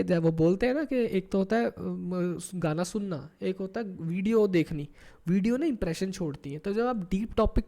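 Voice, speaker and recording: A man's voice: high voice, dark tone. A man in his thirties giving a casual, chatty career tutorial, mixing English terms into his talk and often checking in with "okay?". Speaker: career coach YouTuber.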